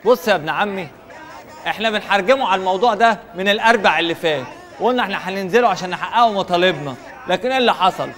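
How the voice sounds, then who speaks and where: A chatty Egyptian everyman airing petty grievances in a comic vox pop. He is loud and high-voiced, racing along with long echo and crowd noise around him. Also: very fast. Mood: indignant. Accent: Egyptian, varying by regional character. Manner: loud, emphatic, colloquial. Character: indignant, chatty male protester with petty demands. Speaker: citizen interviewed in the street. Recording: echoing hall, crowd noise.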